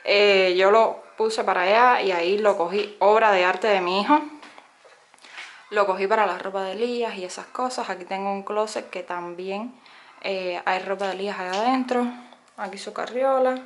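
A woman's voice: medium pitch, steady tone, moderate pace, slight background noise. A young woman from Cuba with a Cuban Spanish accent, casually narrating a tour of her home to her viewers, talking from behind a handheld phone with many "eh" fillers. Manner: chatty, many "eh" fillers, addresses viewers directly. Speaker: vlogger giving a house tour. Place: small home, indoors. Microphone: handheld phone camera, speaking from behind it.

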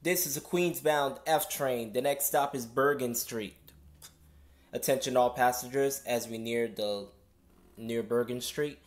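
A man's voice: mid-range voice, measured pace. A man working as a subway train announcer, giving formal passenger service announcements in the manner of an airport announcement.

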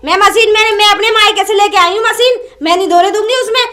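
Woman doing a jealous sharp-tongued older wife, real high and bright, nags nonstop. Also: fairly even intonation, fast talker. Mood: scornful. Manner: scolding, taunting, domineering. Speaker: elder wife in a comedy skit.

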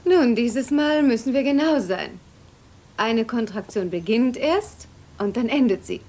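A woman dubbing a calm birthing class instructor in a soap opera, speaking slowly and instructively. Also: a little high. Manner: slow and instructive. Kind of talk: German TV soap dub.

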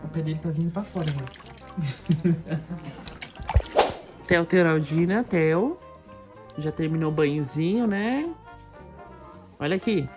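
A woman's voice: sits low, slow pace, long pauses. A mother filming her baby twins, talking to them in playful, cooing baby talk and chatting to viewers. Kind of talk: casual home video chat. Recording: clear background music.

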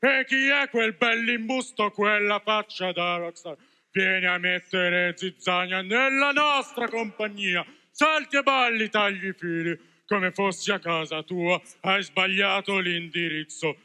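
Mangiafuoco, burbero dal cuore tenero fatto da un attore. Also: male voice, sits high, unhurried, bright, forceful tone, clean tone, exaggerated voice. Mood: blustering. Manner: blustering, theatrical, melodramatic sobbing. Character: gruff but soft-hearted male puppet master. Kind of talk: school stage musical, sung and spoken. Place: school theater stage. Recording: reverberant theater hall.

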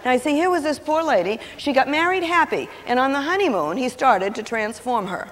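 A woman with a fairly high voice gives a lively seminar talk, switching into little acted voices as she tells her stories. Her words ring out with a long reverb, as if captured from an old videotape in a large hall. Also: a little fast. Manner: animated, acts out quotes in changing voices. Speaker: seminar speaker on personality and marriage.

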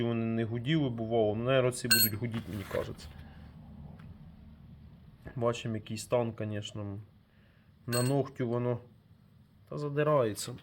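A man's voice: mid-range voice, darkish tone. Man thinking aloud at the workbench. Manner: thinks aloud while working, trailing off and restarting; talks to viewers as friends. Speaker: DIY mechanic vlogger. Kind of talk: casual hands-on repair commentary.

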